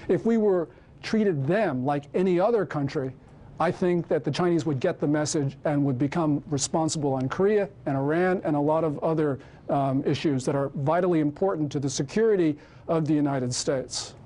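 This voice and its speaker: A man's voice: a little high, normal speed, dark tone. A man giving a public lecture on foreign policy and answering audience questions, speaking with growing passion and emphasis. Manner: impassioned, emphatic.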